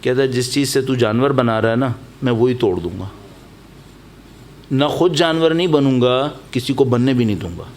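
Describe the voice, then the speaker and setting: A man's voice: mid-range voice, a little mellow, slight background noise. Man preaching an emphatic religious sermon. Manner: storytelling, emphatic, exhorting. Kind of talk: Muharram majlis sermon. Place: mosque or majlis hall.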